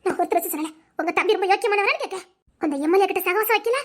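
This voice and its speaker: A woman's voice: extremely high pitch, very fast. An actress playing a bossy young village woman who scolds and mocks without holding back. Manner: sharp-tongued, scolding, mocking. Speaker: actress in a short romance drama. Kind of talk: dramatic village romance acting.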